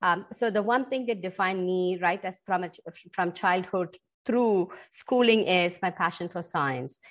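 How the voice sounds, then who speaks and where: A middle-aged woman from India with an Indian accent, explaining her work in a podcast interview in an articulate, measured way. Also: on the low side. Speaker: guest, pharma executive.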